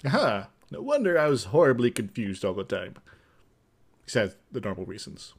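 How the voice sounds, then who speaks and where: A man's voice: mid-range voice, wildly swooping pitch, moderate pace, breathy edge. A man chatting casually in a playful, joking way as he plays a game. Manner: playful, jokey. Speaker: co-host of a gaming video series. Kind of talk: casual chat while gaming.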